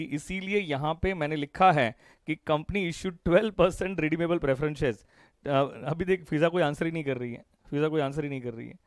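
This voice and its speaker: A man with an Indian English accent teaches an online class in a slightly high voice, the sound close and dry. He jokes with students by name, repeats key phrases back and forth, and asks a question and then answers it. He switches freely between Hindi and English terms. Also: no echo. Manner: repeats key phrases in call-and-response drills. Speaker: commerce teacher. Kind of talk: live online revision lecture.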